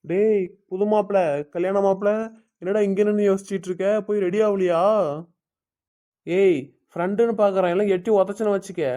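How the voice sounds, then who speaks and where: A man's voice: high-pitched, level tone, a little fast, pauses often, mellow, lightly acted. A young man playing an easygoing, caring husband who chats with his wife and teases his friend, in an amateur family drama. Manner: easygoing, talkative.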